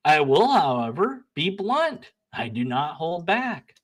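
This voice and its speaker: On his own channel, a young male host reads an email exchange aloud in casual solo commentary, his voice a little high and his pace slow. He's animated and sarcastic, laughing at himself and bickering with himself, and turns blunt and argumentative when reading his own replies.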